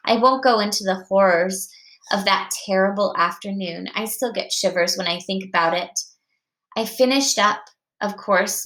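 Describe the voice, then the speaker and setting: Lady reading a kids book out loud at home, expressive, bright tense voice, roomy echo. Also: mid-range voice. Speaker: parent reading to her child. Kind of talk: reading a storybook aloud.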